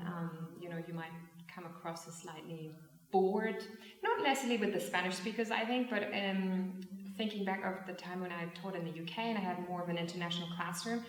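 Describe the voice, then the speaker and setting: A woman English teacher talking through an exam discussion, hesitant and full of fillers and restarts. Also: on the low side. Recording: echoey room, mic far off.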